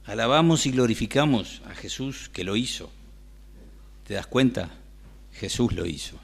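A man's voice: medium pitch, lively intonation, normal speed, gravelly, breathy edge. A man with a Rioplatense Spanish accent preaching a sermon in a church, talking conversationally and asking the congregation questions.

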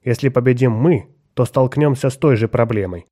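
A man reading an audiobook, voicing a stern human starship captain who speaks loudly and forcefully. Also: medium pitch, moderate pace, dry recording, clean studio sound, lightly acted. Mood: aggressive. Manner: forceful, commanding.

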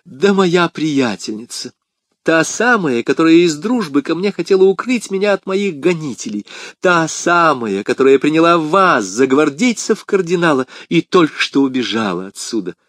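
A man's voice: medium pitch, lively intonation, normal speed, no room sound, close to an everyday voice. A fragile young woman pours out her love in a raised, lilting voice, then fades to a faint murmur, as a male reader puts her on. The reading is dry and close, with no room sound. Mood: anxious. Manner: tender, breathless, then weak. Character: young woman in love, later poisoned and fading.

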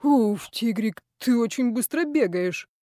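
A woman's voice: on the high side, expressive, unhurried, mellow, dry recording, studio quality. A woman voicing a tipsy, lovesick young man who is cheerfully stubborn, drawling and teasing.

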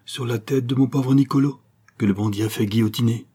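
A man's voice: mid-range voice, fairly even intonation, brisk, dark tone, slightly rough, voice pushed up, lightly acted. A man voicing a greedy, vengeful old female ragpicker who talks coarsely and complains.

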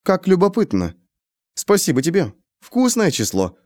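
A man's voice: high-pitched, wildly swooping pitch, moderate pace, darkish tone, no echo, studio quality, voice pushed up. A man voicing a strange, cheerful man fixated on numbers. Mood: cheery.

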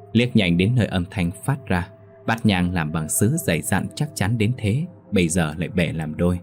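A man narrating a ghost story slowly and steadily. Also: deep voice, a little mellow.

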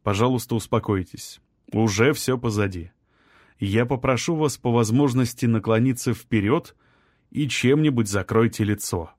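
A man's voice: mid-range voice, moderate pace, darkish tone, no echo, clean studio sound, close to an everyday voice. A man reading the lines of a composed rescuer who gives firm orders in an audiobook. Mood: calm. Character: calm, commanding male rescuer.

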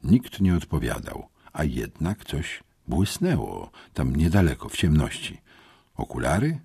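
A man narrating a children's adventure audiobook in an expressive, dramatic storytelling manner. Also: a bass voice, a little slow, vocal fry, husky, dry recording, clean studio sound. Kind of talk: scripted first-person storybook narration.

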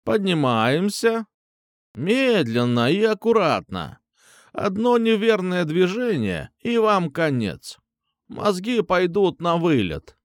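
A man reading an audiobook, voicing an elderly female hitwoman with a rattling, low voice and a crude, commanding manner. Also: big pitch swings, slow pace, no echo, studio quality, exaggerated voice. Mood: menacing. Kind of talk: audiobook narration.

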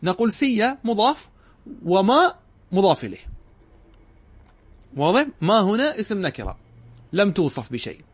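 A man's voice: high-pitched, sing-song, moderate pace, pauses often, slightly rough. A middle-aged man lecturing on Arabic grammar, explaining step by step and asking his students questions that he then answers himself. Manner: addresses students directly and urges them to pay attention. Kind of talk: classroom lecture.

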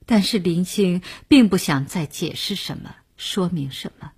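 A woman narrating a novel as a radio serial reader, with a measured storytelling delivery. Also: fairly low pitch, expressive, a little mellow, slightly rough.

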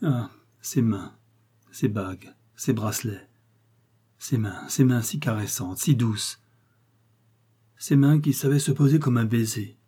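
A man voicing a grief-mad lover, wailing high. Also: slow, long pauses, warm tone, slightly rough, exaggerated voice. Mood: tender grief. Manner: sobbing lament, rising to cries and wild laughter. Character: grief-stricken man mourning his dead beloved, turning mad. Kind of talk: audiobook character reading.

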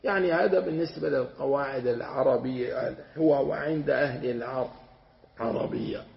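A man, teaching a religious lesson as a sheikh, patiently explaining and sounding out words slowly with repetition. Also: medium pitch, gravelly. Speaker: sheikh teaching Quran commentary. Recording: dull lo-fi lecture recording.

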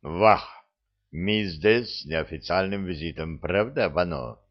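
A man's voice: low voice, slow, dull audio. A man voicing a brash, boastful male gnome warrior. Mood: cheeky. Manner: swaggering, cheerful bravado.

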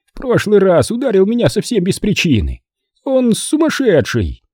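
A man plays a hulking, jealous older man who whines in a strangely high, slow voice. The sound is husky and mellow, read close and dry for an audiobook. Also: wildly swooping pitch, dry recording, heavily acted. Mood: plaintive. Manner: slow, whining and plaintive. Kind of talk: audiobook character voice.

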